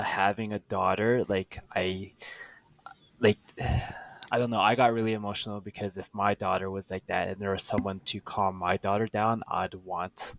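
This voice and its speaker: Lower-voiced man, dry close sound. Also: dry recording. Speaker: podcast co-host. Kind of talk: casual podcast chat.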